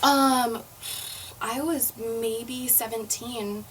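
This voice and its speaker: A woman in her twenties with a fairly high voice tells her story in an animated, joking way, as a singer guest on a casual podcast. She sits a little away from the mic, with a faint hiss of background noise behind her. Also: very slow, recorded from a distance. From United States. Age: 20s. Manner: animated storyteller, jokey, talks to viewers.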